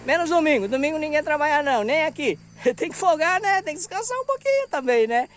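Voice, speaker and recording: Chatty high-voiced man vlogging. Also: big pitch swings, brisk, slight background noise. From Brazil. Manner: chatty, laughs often, keeps saying "rapaz" and "ó". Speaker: vlogger showing a roadside vegetable stand. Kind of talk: casual walk-around vlog. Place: outdoors at a roadside stand in hot afternoon sun.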